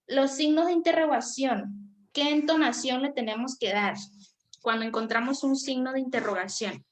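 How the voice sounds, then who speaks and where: A woman's voice: high-pitched, normal speed, a little hiss or hum. A woman teacher leading a class, patiently asking questions and sometimes searching for the right words. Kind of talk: online class lesson.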